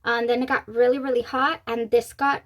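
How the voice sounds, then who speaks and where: A woman chatting casually to camera as a review host, excited and gushing, speaking with a slightly swollen mouth after having wisdom teeth out. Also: fairly high pitch, a little fast. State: recovering from wisdom teeth removal, mouth swollen on one side. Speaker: fragrance review channel host.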